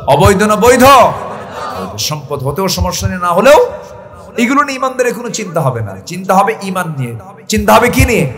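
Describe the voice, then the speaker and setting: A man from Bangladesh preaching a waz sermon, calling out questions and shouting for the crowd to answer back. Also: high voice, sing-song, fast, big-room sound. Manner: call-and-response, shouting to the audience.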